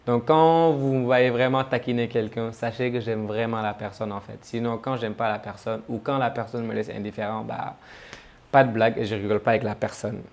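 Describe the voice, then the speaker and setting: A man's voice: mid-range voice, steady tone, a little fast, a little mellow. A man from Senegal talking casually to camera about himself, chatty and joking at his own expense. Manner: chatty, joking, self-mocking. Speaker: travel vlogger.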